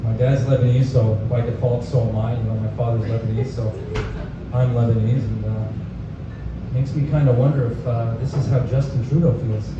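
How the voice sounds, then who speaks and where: In this live set at a pub comedy room, a young Canadian stand-up keeps a steady tone and moderate pace in his mid-range voice while filling gaps with "uh" and laughing at his own material. The audio is noisy and dull, echoing around the bar from a far-off microphone.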